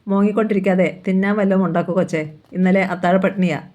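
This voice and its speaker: A woman reading the lines of a gruff, blunt older father in a novel, in a rough, commanding way. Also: medium pitch, steady tone, fast, a little mellow, close to an everyday voice. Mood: stern.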